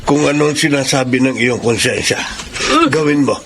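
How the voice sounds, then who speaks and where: An older man playing a calm, kindly grandfather in a radio drama. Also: medium pitch, normal speed, vocal fry, close to an everyday voice. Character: gentle old grandfather. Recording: radio drama with noisy background.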